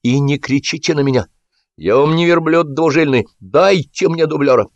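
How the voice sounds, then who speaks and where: A man voicing a grumpy, stubborn actor who grumbles back sulkily, a little above his own pitch. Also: lively intonation, moderate pace, dry recording, dull audio. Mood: sulky. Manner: sulky, grumbling.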